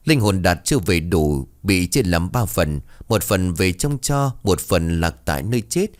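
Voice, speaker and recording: A grave old exorcist near sixty lays out the workings of a dark curse, voiced by a man in his own low, deep register. His telling rises and falls with lively pitch, solemn and sure, as in a spoken ghost story. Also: unhurried.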